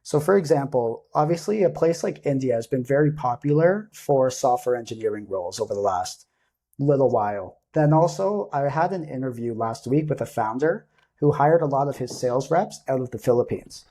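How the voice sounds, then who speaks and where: Mellow, husky-voiced male host. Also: mid-range voice, lively intonation, normal speed. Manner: upbeat, chatty questioning. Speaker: podcast host. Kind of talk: casual interview.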